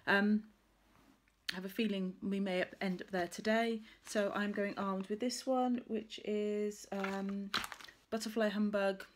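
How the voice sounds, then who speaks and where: A woman's voice: medium pitch, fairly even intonation, unhurried, slight background noise. A woman vlogger chatting casually about her crafts, rambling and correcting herself as she thinks aloud. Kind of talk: casual chat to camera about stitching.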